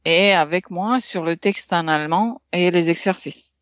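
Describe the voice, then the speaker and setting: A woman tutoring in a casual language exchange, explaining patiently with many pauses and fillers. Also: lowish voice, no echo, dull audio. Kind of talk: casual tutoring over a call.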